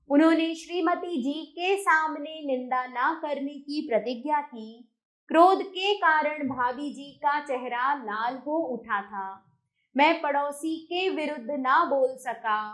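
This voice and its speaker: Slow, high-voiced woman teaching children. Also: a bit bright. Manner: addresses children directly, reads exercises aloud slowly. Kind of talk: textbook lesson explanation.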